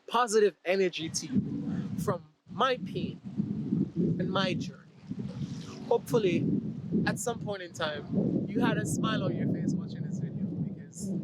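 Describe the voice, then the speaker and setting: A man hosting his vlog, giving a slow, deliberate motivational talk to the camera and asking the viewer rhetorical questions. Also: high-pitched, noisy background. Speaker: vlog host.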